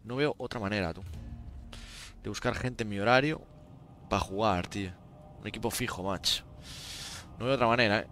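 A man's voice: fairly low pitch, moderate pace, pauses often, a bit bright, slight background noise. A young man from Spain with a Spanish accent, streaming games live and chatting casually with viewers, sounding tired. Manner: chatty, addresses viewers as tío and gente. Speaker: game streamer.

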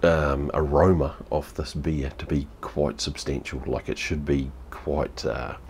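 His voice is extremely low and fairly even in intonation, unhurried, with vocal fry, a slightly mellow quality, and slight background noise. A fifty-something New Zealander, he reviews beer on camera in a casual home vlog, TV behind him, bluntly swearing and repeating himself.

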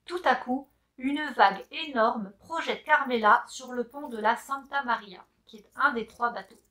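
A woman reading a children's picture book aloud, gentle and expressive, talking to a young listener. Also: fairly high pitch, a little slow. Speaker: story reader.

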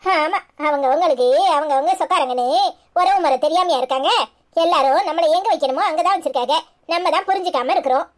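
Woman voicing a cartoon mother: Tirunelveli accent, high, grumbling, headstrong. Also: fast, lightly acted. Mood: sulking. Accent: Tirunelveli Tamil. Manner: sulky, complaining.

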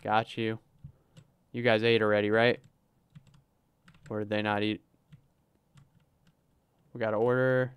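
Chatty male streamer, smooth dry voice. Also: fairly low pitch, little pitch movement, unhurried, long pauses, no room sound, dull audio. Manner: chatty, narrates his moves, reads chat aloud, laughs easily. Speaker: livestreamer. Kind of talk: casual gameplay livestream commentary.

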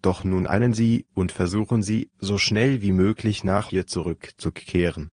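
A man reading a calm, decisive adventurer leader. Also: sits low, dry recording, clean studio sound. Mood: firm. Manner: firm, measured, commanding. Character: calm, decisive male adventurer leading the search. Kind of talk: audiobook reading.

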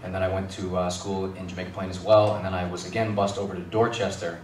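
A man running for city council, introducing himself at a forum in a rapid, casual way. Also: low voice, little pitch movement. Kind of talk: candidate forum answer. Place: school hall, heard from afar. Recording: echoey hall, distant mic, faint noise.

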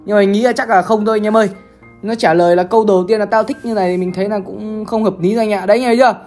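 A woman talks her viewers through a game in casual, chatty commentary. She speaks at a rapid clip and keeps calling out to the audience. Faint music plays softly underneath. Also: mid-range voice, fairly even intonation. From Bắc Giang, Vietnam. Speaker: gaming streamer.

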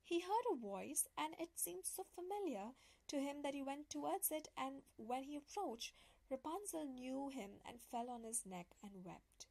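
A woman reads a fairy tale aloud as a bedtime story, soft and gentle, often dropping close to a whisper. Her voice sits a little high. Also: expressive, measured pace, creaky. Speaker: storyteller host.

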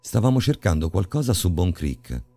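A man's voice: deep voice, sing-song, moderate pace, gravelly, warm tone, no echo, pitched above the performer's own voice, full character voice. A man voicing an authoritative teenage girl in a horror audiobook, urgent and insistent. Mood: pleading. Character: bossy teenage girl, sharp and commanding.

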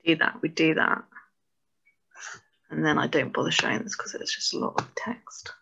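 Gravelly, bright woman muttering as she codes. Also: sits low, steady tone, normal speed. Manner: self-deprecating, thinks aloud, mutters to herself. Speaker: book club presenter. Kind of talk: casual live-coding walkthrough. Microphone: video call. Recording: lo-fi video call audio.

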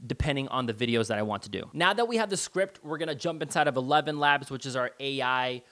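A man's voice: mid-range voice, expressive, quick pace, sharp tone. A man giving a casual, step-by-step tutorial over a screen recording. He talks in a laid-back, slangy way and swears offhandedly. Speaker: online marketing tutor.

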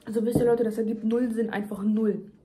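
A woman's voice: fairly high pitch, level tone, fairly quick, mellow. A young woman venting emphatically in casual chat to her viewers, talking while chewing. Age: young adult. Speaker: vlogger. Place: home kitchen, indoors.

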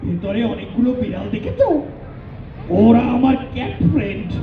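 Squeaky chatty puppet critter, super high, echoey kids show. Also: male voice, sing-song, moderate pace, crowd noise. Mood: friendly. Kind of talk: live children's puppet show. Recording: echoey, distant, tinny phone-like sound.

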